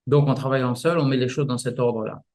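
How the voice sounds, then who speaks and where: Male martial arts teacher, halting, vivid examples, guest interview. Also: mid-range voice, darkish tone. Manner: halting, many restarts, explains with images. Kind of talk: casual explanatory interview.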